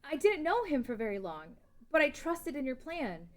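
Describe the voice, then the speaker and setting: A woman's voice: high voice, big pitch swings, moderate pace. A woman playing a grieving, defiant young princess in a fantasy table read. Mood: questioning, resolute. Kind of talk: table read of a fan-written audio drama.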